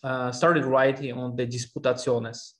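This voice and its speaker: A man from Armenia, a historian guest in an interview, speaking haltingly with many fillers and restarts. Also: mid-range voice, flat delivery, fairly bright tone. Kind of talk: academic interview.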